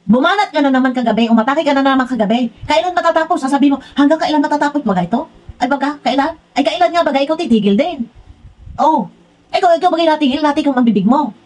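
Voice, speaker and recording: A woman's voice: sits high, quick pace, a little mellow, low-quality recording. A woman ranting in a reaction vlog, exasperated and scolding, firing off one rhetorical question after another. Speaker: vlogger.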